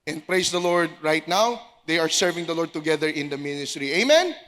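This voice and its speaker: A middle-aged man preaching a sermon as a pastor, animated, mixing languages and acting out people he quotes in a raised voice. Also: on the high side, moderate pace. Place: church service in a basketball gym.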